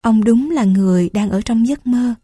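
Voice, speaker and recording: A woman voicing a young girl who is gentle, earnest and teasing in a calm, soft-spoken way. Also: a little high, moderate pace, slightly rough, dry recording, studio quality.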